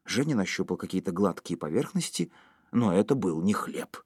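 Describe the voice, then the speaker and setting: A man narrating a humorous story as an audiobook. His voice sits low and moves a lot in pitch as he tells it. The sound is dry and close. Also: normal speed, breathy edge, dry recording. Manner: expressive, storytelling. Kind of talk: audiobook reading.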